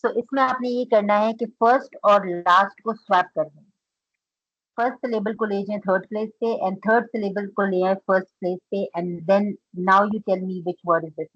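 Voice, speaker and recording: A woman leads an online teacher training session, explaining and praising participants in turn. Her voice is slightly husky and dry, heard over a dull, muffled video call line. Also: medium pitch, fairly even intonation, moderate pace, no echo. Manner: instructive, mixes Hindi and English, praises participants.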